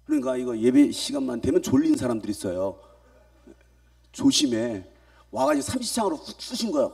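A male pastor preaching to a youth gathering, swinging from shouts to hushed asides and firing questions at the congregation. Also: on the high side, very animated, fairly quick, creaky, far from the mic. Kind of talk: sermon. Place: church youth meeting hall.

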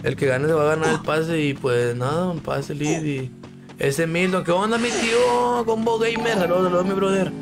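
A man's voice: fairly high pitch, moderate pace, vocal fry, over loud music. A young man with a Mexican Spanish accent, streaming a game live, joking crudely and greeting viewers by name. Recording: noisy stream audio.

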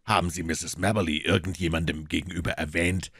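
A man voicing a calm, ironic detective in a German audiobook, speaking low and measured. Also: breathy edge, no room sound, studio quality. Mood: cool ironic. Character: Sherlock Holmes, cool calm detective, man.

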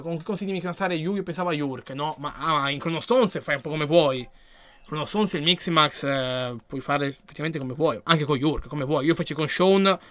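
A man giving live commentary while he plays a video game. He reads the chat aloud and yells and swears when the game goes wrong. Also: fairly high pitch. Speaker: gaming streamer.

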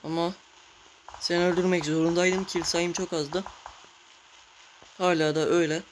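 A man's voice: on the high side, normal speed. Fired-up guy cursing through a mobile game match, noisy mic. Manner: excitable, cursing, talking to viewers while playing. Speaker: gamer. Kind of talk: casual gameplay commentary.

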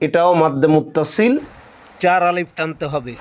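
A man's voice: on the high side, steady tone, normal speed, a loud crowd. A man from Bangladesh with a Bengali accent, teaching Quran reading in a lesson, spelling out each letter and vowel mark and then blending the syllables. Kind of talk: slow spelling-out recitation lesson.

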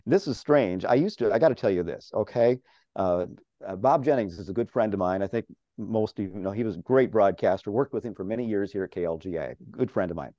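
Speaking from his home office over a video call, an older man who spent years as a radio broadcaster tells stories animatedly as an interview guest, laughing often. His strong voice is on the low side, expressive and fairly quick, with a warm tone and no echo. The video-call audio sounds dull.

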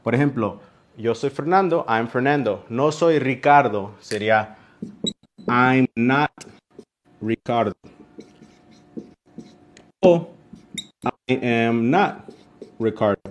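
Slow, patient male teacher. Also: medium pitch. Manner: slow, patient, repeats examples and checks in with "¿ok?". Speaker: English teacher. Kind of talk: beginner English lesson explained in Spanish.

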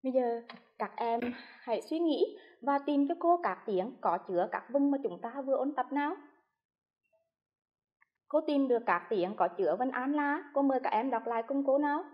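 A female primary school teacher giving a televised lesson to first graders, speaking slowly and spelling things out with careful, clear articulation. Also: sits high, expressive, dull audio. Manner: slow, clearly articulated classroom delivery.

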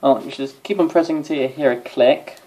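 This young adult vlogger speaks quickly in a fairly high voice with a dark tone, rambling tiredly through a casual toy demo for the camera. The phone or camera sits at arm's length in a small bedroom, and the mobile recording carries faint noise and clicks.

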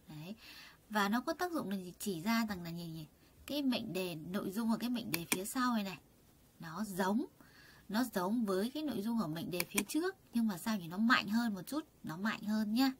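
A woman teaching a Korean lesson online, chatty and full of fillers, asking her students rhetorical questions and saying words slowly for them to repeat. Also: medium pitch, husky. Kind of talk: online lesson explaining vocabulary and grammar.

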